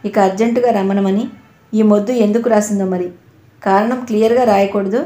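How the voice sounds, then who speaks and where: A woman's voice: mid-range voice, steady tone, a little fast, dark tone, lightly acted. A woman voicing an impatient young woman who scolds her younger sister, in an audiobook reading. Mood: fretful. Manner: scolding, exasperated. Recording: roomy echo.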